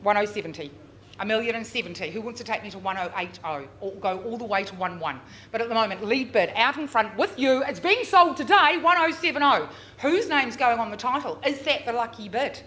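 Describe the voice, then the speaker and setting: A woman auctioneer with a fairly high voice runs a live property sale. She stretches and repeats the bid figures, then chats to coax bidders along. There is some ambient noise around her. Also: lively intonation, fairly bright tone. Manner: drawn-out, repeated bid calls; chatty coaxing of bidders. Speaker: real estate auctioneer. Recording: noisy live auction room.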